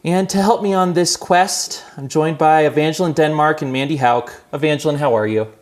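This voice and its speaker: This podcast host is a man in his thirties with a voice on the high side and a slightly quick pace. After a scripted intro, he slips into casual, wry, self-deprecating conversation with his guests.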